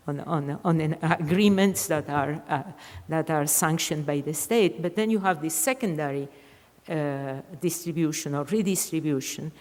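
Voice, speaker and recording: A woman's voice: lowish voice, a little mellow, big-room sound. An older woman from Argentina, answering a question in an academic lecture, thinking aloud with frequent restarts and repeated words. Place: lecture hall.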